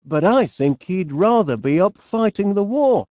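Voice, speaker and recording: For an animated comedy game, a male actor with a high-pitched voice plays a middle-aged inventor who is fussy, cheerful and absent-minded, speaking with a Northern English accent. Unhurried, he chats in a mildly fretful mood, bumbling, hesitant and polite, in a dry studio-quality recording.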